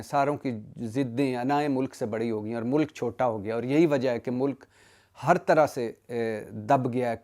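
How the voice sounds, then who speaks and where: A man's voice: medium pitch, a little mellow. A man giving solo political analysis, indignant and emphatic, firing rhetorical questions and lists and often cutting off and correcting himself. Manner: frequent self-corrections and cut-off words. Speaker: political commentator.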